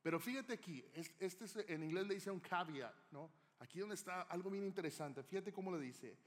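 A male preacher delivering a sermon in a church hall, telling stories dramatically and swinging from loud to hushed. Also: sits high, animated, moderate pace. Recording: long hall reverb.

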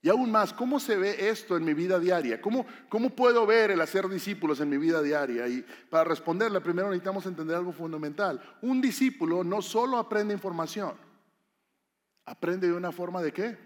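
A man preaching a sermon as a pastor, lively and asking the congregation questions. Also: high-pitched, fairly quick. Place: church hall. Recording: long hall reverb.

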